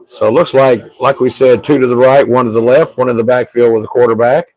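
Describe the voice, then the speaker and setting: A man with a hoarse voice calling a high school football game for local radio in a folksy, easygoing way. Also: steady tone, fairly quick, a little mellow, no echo, low-quality recording. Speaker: play-by-play announcer.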